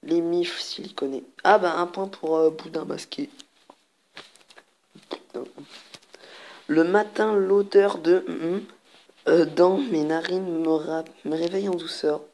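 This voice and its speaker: A woman's voice: lowish voice, steady tone, slow, pauses often, a little mellow. A woman playing an online party card game on her channel, reading the cards aloud, laughing often and cracking crude jokes. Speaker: gamer, video host. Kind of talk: let's play commentary.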